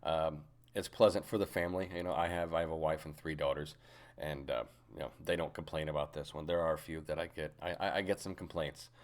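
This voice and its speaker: A man giving a casual, unscripted review as a hobbyist, musing and halting as he goes, often trailing into asides. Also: very deep voice, steady tone, darkish tone. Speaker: pipe tobacco reviewer.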